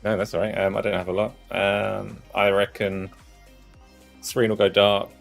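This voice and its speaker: A man's voice: fairly low pitch, flat delivery, moderate pace, gravelly, faint music behind. A man on a casual livestream panel, laid-back and dry in his predictions. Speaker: guest panelist.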